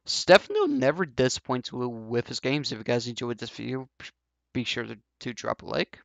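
A man's voice: mid-range voice, very animated, normal speed, gravelly, no room sound, lo-fi sound. A young adult man giving casual, offhand let's play commentary into a headset mic. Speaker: gaming YouTuber. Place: indoors, seated at a gaming setup. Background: faint game music.

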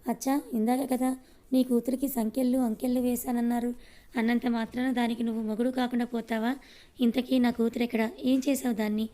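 A woman playing a bickering middle-aged mother-in-law in an audio story. She scolds and hurls accusations at full volume. The voice is fairly high and dark, with a flat pitch. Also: brisk, lightly acted. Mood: quarrelsome. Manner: loud, scolding.

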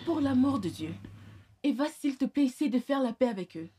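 A woman's voice: high voice, expressive, normal speed, mellow, breathy edge. A middle-aged woman voicing a motherly caregiver who talks soothingly and reassuringly, in a French film dub. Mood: gentle.

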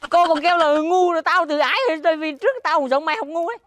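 A young man playing a shrill scolding mother. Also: rapid-fire, background noise. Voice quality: shrill, scolding, stammering when flustered. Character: scolding gambling mother in debt. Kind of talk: comedy skit acting.

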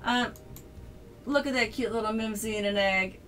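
A woman hosts a casual livestream, rambling cheerfully and filling time between topics. Her voice sits a little on the high side. Faint music plays behind her. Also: moderate pace, a bit bright, low-quality recording. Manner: chatty, rambling, upbeat. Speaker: streamer and game designer host.

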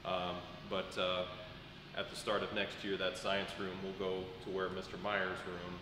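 This deep-voiced man in his thirties, a school administrator, walks through a building site and explains the work in an unhurried, steady way, filling his speech with fillers and gesturing as he goes. The setting is a big, bare classroom under construction. Recorded from afar on a camera mic, the audio is echoey and carries background noise.

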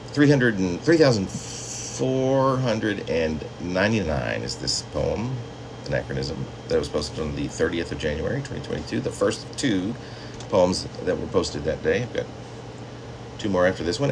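In a small room at home, a man in his fifties talks to camera with a low-pitched, animated voice at normal speed, over a noisy background. Conversational and rambling, he chats and reads his own poetry like a poet sharing his work.

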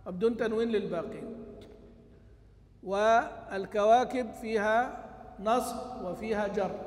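A man teaching recitation rules to a class, asking his students questions and answering them himself, with a Saudi accent. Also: high voice. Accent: Saudi Arabic. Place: mosque study circle. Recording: echoey hall.

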